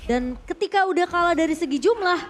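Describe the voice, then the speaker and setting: A woman's voice: extremely high pitch, expressive, brisk, slight background noise. A woman with an Indonesian accent giving live esports commentary and analysis in long, flowing, explanatory sentences.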